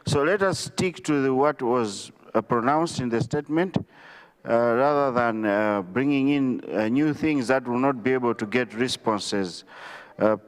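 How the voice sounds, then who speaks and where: A man with a Malawian accent chairing parliament as Speaker in a formal, measured, procedural manner. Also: medium pitch. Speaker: speaker presiding over parliament. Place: parliament chamber.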